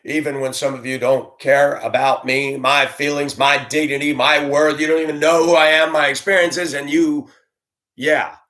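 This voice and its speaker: A man's voice: fairly high pitch, flat delivery, normal speed, pushed and bright. A man who used to drive a school bus, telling his own story in an earnest, heartfelt way while venting his frustrations. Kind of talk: candid personal storytelling.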